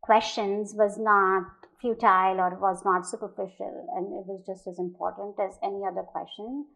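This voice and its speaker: A woman from India, an artist, giving a thoughtful talk about her work, pausing often with fillers and restarts. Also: medium pitch, level tone, vocal fry, fairly bright tone, rough recording.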